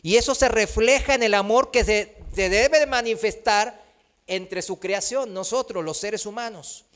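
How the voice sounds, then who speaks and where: High-voiced man preaching. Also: unhurried, fairly bright tone. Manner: rhetorical questions with frequent tag "¿no?"; acts out quoted voices. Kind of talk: sermon.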